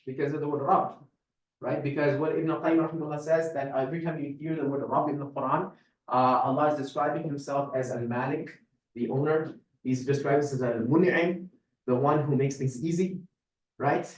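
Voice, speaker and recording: High-voiced male lecturer in an echoey room. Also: steady tone, fairly quick, recorded from a distance. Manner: explains word by word, checks in with "right?". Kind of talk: religious lecture with audience questions.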